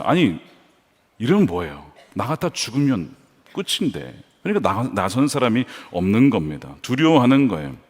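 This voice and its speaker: A male pastor preaching a sermon in a church, earnest, swinging between hushed storytelling and emphatic points. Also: mid-range voice, long reverb tail.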